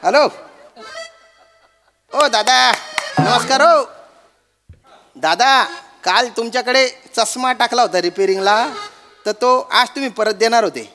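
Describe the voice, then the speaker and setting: Exasperated pleading writer, high lively voice, long stage reverb, music. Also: male voice, unhurried, pauses often, full character voice. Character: flustered writer customer wanting his glasses back. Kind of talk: stage sketch comedy.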